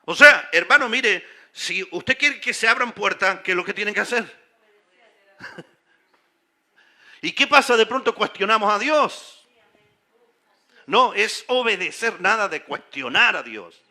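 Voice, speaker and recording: A man's voice: sits high, expressive, moderate pace, pushed and bright. A man preaching a sermon as pastor, emphatic and full of rhetorical questions to his congregation. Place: church sanctuary.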